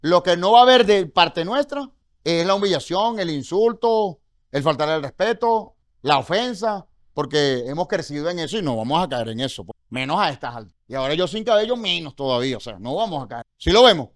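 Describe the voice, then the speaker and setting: High-voiced Venezuelan man preaching. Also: animated, brisk, no room sound. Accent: Venezuelan Spanish. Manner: conversational preaching with frequent rhetorical questions; exhorting, encouraging. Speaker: congregation teacher. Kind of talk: Bible study sermon.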